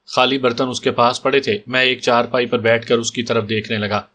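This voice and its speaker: Calm male audiobook narrator. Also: medium pitch. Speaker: storyteller.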